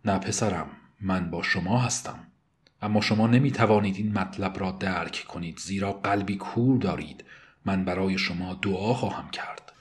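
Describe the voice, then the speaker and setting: Man voicing a tired, kindly prison priest for an audiobook; earnest and pleading, lowish voice. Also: lightly acted. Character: weary, gentle male prison priest.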